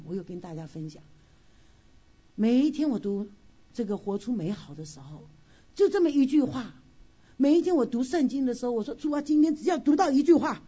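A woman's voice: fairly high pitch, mellow, breathy edge, dull audio. A woman giving an emotional personal testimony at church, telling her story expressively with frequent sighing exclamations. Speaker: church member sharing a testimony.

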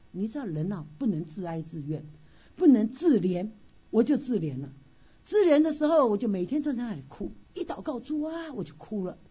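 A woman's voice: a little high, mellow, breathy edge, dull audio. A woman giving an emotional personal testimony at church, telling her story expressively with frequent sighing exclamations. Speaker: church member sharing a testimony.

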